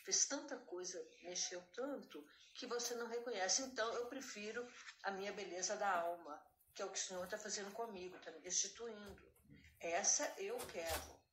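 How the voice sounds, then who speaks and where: A woman's voice: mid-range voice, moderate pace, fairly bright tone. Lady in her 60s chatting earnestly, mid voice, roomy echo, bit of hiss. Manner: earnest, chatty, addresses listeners as girls.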